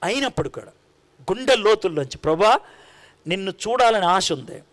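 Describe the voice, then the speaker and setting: High, lively-voiced male preacher. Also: normal speed. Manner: animated, conversational, full of rhetorical questions. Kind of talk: sermon.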